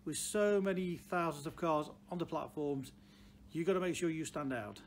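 A man's voice: fairly high pitch, moderate pace. A man in his sixties with a Stoke-on-Trent Potteries accent, giving plain-spoken, unscripted advice to camera as a car dealer, with emphatic repeated phrases. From Stoke-on-Trent, England. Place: large indoor car showroom. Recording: clear background noise, showroom ambience.

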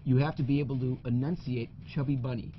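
A man hosting a casual party game, joking and energetic. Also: medium pitch, quick pace, highs cut off, slight background noise. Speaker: host.

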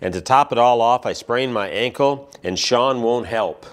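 A man voicing an exhausted young mother who rushes through a list of complaints in a sermon joke. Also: medium pitch, pitched above the performer's own voice, close to an everyday voice. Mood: frazzled. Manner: stressed complaining rush.

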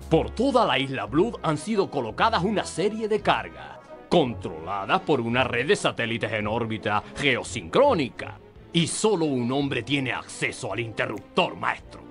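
A man's voice: mid-range voice, very animated, moderate pace, fairly bright tone, faint music behind. An actor playing a grandiose pirate smuggler king in a video game, with a Castilian Spanish accent and a theatrical mustache-twirling villain manner. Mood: smug, scheming.

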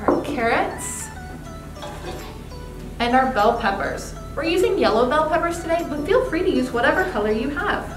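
A woman's voice: high-pitched, animated, moderate pace. A young woman giving an upbeat, step-by-step cooking demonstration at a demo kitchen set. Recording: roomy distant mic with music.

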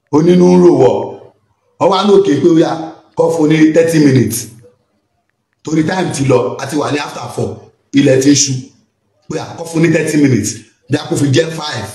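A Nigerian man with a slightly high voice scolds in an exasperated commentary rant. His voice bounces around a roomy, echoing space. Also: mellow. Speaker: social media commentator. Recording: roomy echo.

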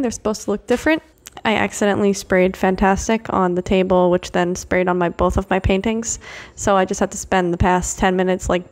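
A young woman chatting casually as she paints at home, jokey and a little self-deprecating. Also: mid-range voice. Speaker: art vlogger. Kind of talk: casual chat while painting. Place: home kitchen with a running dishwasher. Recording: echoey room, mic a bit far off.

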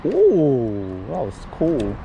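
Man, fishing vlogger on a camera outdoors, very lively pitch, excitable, faint background noise. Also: drawn-out words, gravelly, narrow, tinny audio. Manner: excitable, exclaims at every catch. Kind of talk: casual outdoor commentary. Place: outdoors by the water. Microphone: action camera.

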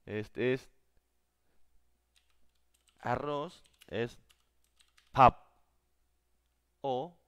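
Native Korean man, language teacher, live class, slow and patient, smooth dry close-mic sound. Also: fairly low pitch, lively intonation, no room sound. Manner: slow, patient explaining, repeating words several times.

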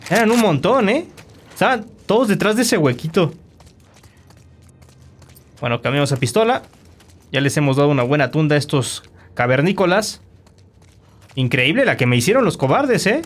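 A man commentating his own gameplay, animated and quick to shout insults at enemies. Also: a little high. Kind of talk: let's play commentary.

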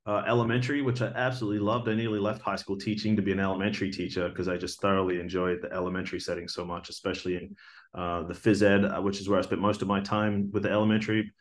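In a low, level voice and at a fast clip, a man in his forties with an Australian accent earnestly introduces himself for a teaching job. He fills his talk with fillers and restarts in this video job application, recorded indoors on a webcam.

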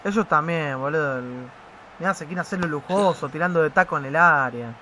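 A young man with an Argentine accent talks over a football video game with his friends, excited and teasing. His voice sits a little high and sounds bright and clear, with a faint hiss behind it. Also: brisk. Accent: Argentine Spanish. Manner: excited, swearing, teasing teammates. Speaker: gaming youtuber. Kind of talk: casual gaming commentary with friends.

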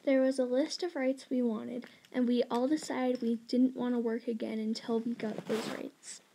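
A woman's voice: on the high side, level tone, normal speed, vocal fry, mellow, slight background noise, low-quality recording. A woman voicing a young male immigrant miner, in an earnest first-person school history narration read plainly aloud.

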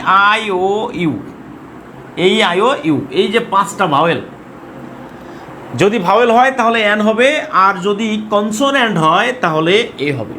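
A man's voice: high voice, a bit bright, slight background noise. A man with a Bangladeshi accent teaching an English grammar class, asking questions and repeating words as he drills students.

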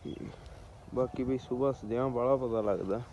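A man's voice: mid-range voice, moderate pace, warm tone, muffled recording. A man with a Punjabi accent chatting casually to viewers in an informal, brotherly, rustic way as a farm vlogger. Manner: informal rustic talk, repeatedly greeting and addressing viewers as brothers. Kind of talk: casual chatty outdoor vlog, addressing viewers as friends. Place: outdoors on a farm. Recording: noisy outdoor rural ambience, birds and animals.

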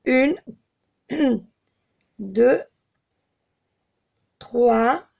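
A slightly hoarse woman giving a step-by-step crochet tutorial, patiently counting stitches aloud. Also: a little high, a little mellow. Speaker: crochet teacher.

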